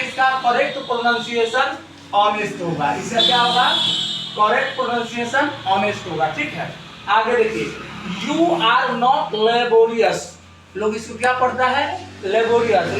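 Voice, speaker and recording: A man teaching English grammar to a class. He keeps asking quick questions and repeats the answers. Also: very high-pitched, recorded from a distance, noisy background. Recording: very echoey room, voice from off the mic.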